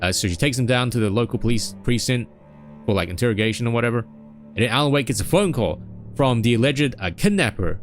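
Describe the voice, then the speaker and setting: A man's voice: mid-range voice, expressive, fairly quick, faint music behind. A young man recapping a story in a casual, rambling way, with many fillers and asides. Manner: rambling, with frequent fillers and acted-out voices. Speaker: streamer.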